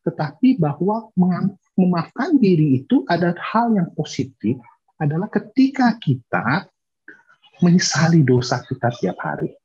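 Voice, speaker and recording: A man preaching a sermon in a conversational way, pausing to correct himself and acting out the voices he quotes. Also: sits high, animated, a little mellow, husky, muffled recording. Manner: conversational, with fillers and self-corrections.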